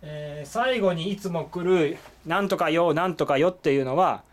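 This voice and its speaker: His voice on the high side and his speed normal, a man teaching Korean explains words methodically in a whiteboard lesson. The delivery is lively and explanatory, full of "eh" fillers.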